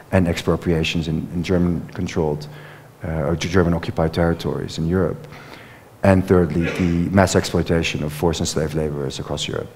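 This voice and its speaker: On a lecture hall stage, a Dutch author and former reporter in his thirties answers questions through a headset mic, talking fluently with plenty of fillers and restarts. His voice is low and a little mellow, with slight background noise and the hall's long reverb.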